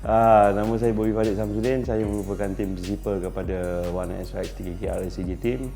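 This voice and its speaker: A middle-aged man from Malaysia speaks in a lowish, warm and mellow voice. He answers interview questions casually and thoughtfully, pausing on fillers and restarting sentences as he goes. Faint music plays underneath. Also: steady tone. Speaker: racing team principal.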